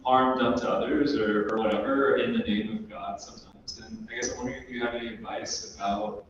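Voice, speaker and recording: A man's voice: medium pitch, steady tone, fairly quick, a little hiss or hum. Man, audience member posing a question; far from the mic, very echoey, dull sound. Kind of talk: spoken question from the floor. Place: church hall.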